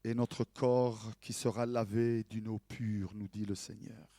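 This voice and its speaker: A male pastor preaching a sermon in an animated way, swinging from hushed to loud and asking rhetorical questions. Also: on the low side, measured pace, no room sound.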